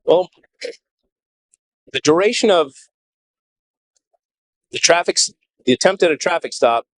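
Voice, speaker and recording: Delivering a statement and taking questions at a press briefing, a man in the role of police chief sounds earnest and measured but halting. He's a little high-pitched and animated, with no echo.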